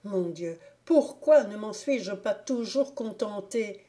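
A woman's voice: mid-range voice, animated, takes it slowly, warm tone. A woman voicing a young, lovesick miller's lad who pleads and despairs, in an audiobook reading. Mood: wistful. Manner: plaintive, impassioned pleading.

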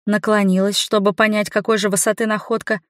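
A woman's voice: mid-range voice, flat delivery, a little fast, fairly bright tone, dry recording. A woman reading a first-person fantasy audiobook with tense, suspenseful storytelling. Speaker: audiobook reader. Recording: dry close studio sound.

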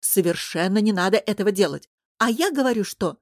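A woman reading an audiobook who voices a plump, fussy male court tailor, excitable and quick to take offence. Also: medium pitch, no room sound, clean studio sound, close to an everyday voice. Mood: indignant. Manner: excitable, indignant, flustered. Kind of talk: audiobook character voice.

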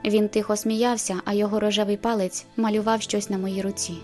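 Audiobook narrator, woman, intimate measured read with soft music underneath. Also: medium pitch, little pitch movement. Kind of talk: first-person novel narration.

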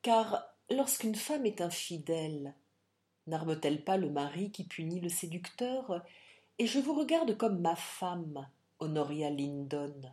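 Woman reading a bold adventurer wooing by threats, audiobook, mellow low voice. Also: lively intonation, a little slow. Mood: impassioned. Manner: impassioned, threatening. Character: bold passionate Irish adventurer gentleman.

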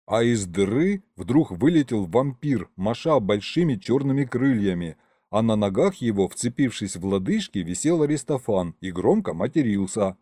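A man's voice: on the low side, moderate pace, no echo. A man narrating an adventure audiobook in the first person. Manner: lively storytelling, first person. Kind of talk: scripted narration.

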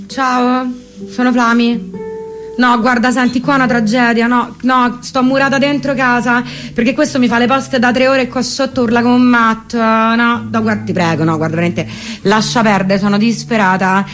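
A woman's voice: on the high side, steady tone, normal speed, close to an everyday voice. Woman playing gossipy posh Roman girl. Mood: agitated gossip. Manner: breathless, gossipy, exaggerated. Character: spoiled posh young Roman woman on phone. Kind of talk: comic theatre monologue. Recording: radio broadcast with guitar behind.

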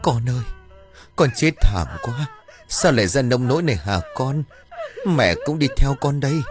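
Một người đàn ông đóng vai người mẹ đau khổ, vừa khóc vừa nói. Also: male voice, mid-range voice, lively intonation, moderate pace, over music, voice pushed up, close to an everyday voice. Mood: wailing. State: crying. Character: grief-stricken mother sobbing for her son.

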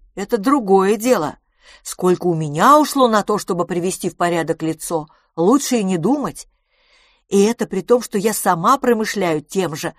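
A woman reading the part of a confident, boastful beauty salon owner in an audiobook, speaking briskly and emphatically. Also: mid-range voice, no room sound, studio quality, close to an everyday voice.

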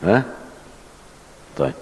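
A man with an Egyptian Arabic accent teaches hadith in a colloquial, explanatory style, putting questions to his class. His voice is slow and a little mellow, with long hall reverb on the recording.

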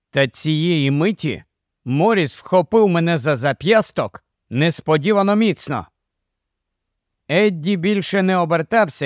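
A man narrating a story as an audiobook in a measured, deliberate way. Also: on the high side, dry recording, studio quality.

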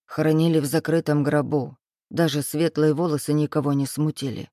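A woman reading an audiobook voices a curt, self-assured man in power, speaking low, clipped and matter-of-fact. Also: fairly even intonation, a little fast, mellow, no room sound, clean studio sound, lightly acted. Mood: measured.

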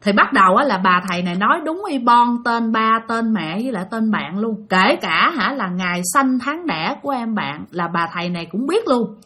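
A woman's voice: fairly high pitch, animated, brisk, hardly any pauses, pushed and bright. A woman with a Southern Vietnamese accent telling a ghost story in a chatty, repetitive way, speaking straight to her listeners. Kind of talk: casual spoken ghost story.

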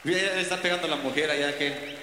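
A Mexican man with a loud manner, calling out to the crowd between songs at a live concert. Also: fairly high pitch, quick pace. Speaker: singer and stage host. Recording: echoey hall with crowd noise.

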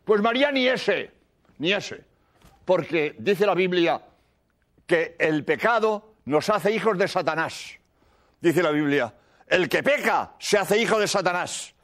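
A man's voice: sits high, fairly bright tone. A man preaching a sermon, emphatic and repeating key phrases, explaining doctrine with everyday examples. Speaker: priest.

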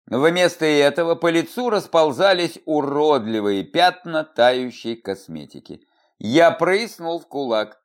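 A man narrating a first-person fantasy audiobook in a wry, ironic manner. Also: a little high.

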